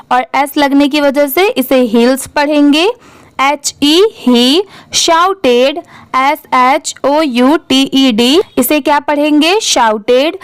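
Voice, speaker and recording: A woman's voice: high voice, no echo. A young woman teaching reading, spelling words out letter by letter and answering her own questions.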